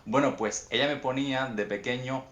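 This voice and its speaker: A young Cuban man with a Cuban accent, answering interview questions in a thoughtful, unhurried storytelling way, often restarting his phrases. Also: medium pitch, a bit bright, roomy sound, dull audio. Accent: Cuban Spanish. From Cuba. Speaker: guest author.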